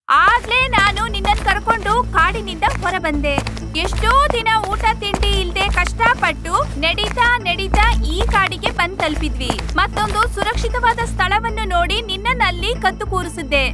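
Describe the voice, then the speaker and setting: A woman's voice: very high-pitched, moderate pace, pitched above the performer's own voice. A woman voicing a protective mother lioness in a cartoon, recounting and pleading. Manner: pleading, storytelling. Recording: music under the voice.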